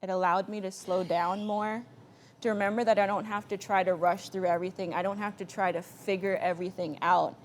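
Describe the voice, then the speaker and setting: A young woman from the Bahamas tells a story from her own life with a lot of energy. She laughs often and plays out the lines of people in her story. Her voice sits at a middle pitch. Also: fairly even intonation, a little fast, slight background noise. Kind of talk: personal storytelling.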